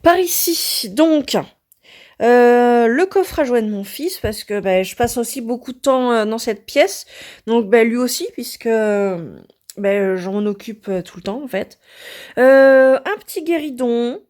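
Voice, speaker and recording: French woman doing a slow chatty room tour, highish voice, lots of euh. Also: expressive, darkish tone. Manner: hesitant, lots of filler sounds. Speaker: vlogger. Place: home craft room.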